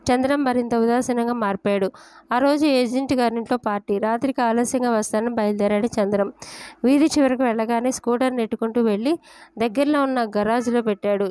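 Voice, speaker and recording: A woman narrating a family drama story in a steady, even reading voice. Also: on the high side, clean tone, no echo.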